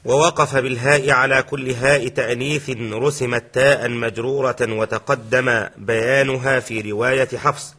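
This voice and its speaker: Husky, bright-toned student reading aloud. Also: male voice, mid-range voice, normal speed, hardly any pauses. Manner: steady formal reading. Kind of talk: reciting a classical text in class.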